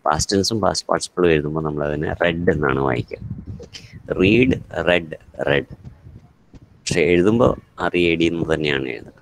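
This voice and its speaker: A man's voice: very deep voice, slight background noise. A man with a Malayali accent teaching English grammar in an online class, switching between Malayalam and English and calling on students by name.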